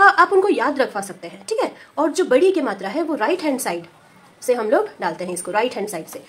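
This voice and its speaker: A woman with a high voice teaches a Hindi lesson for parents of young children. She talks patiently and steadily, repeats key words slowly and keeps checking in with "okay" as she goes. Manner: patient, repeats key words slowly, says "ठीक है" often, mixes English words. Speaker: preschool teacher.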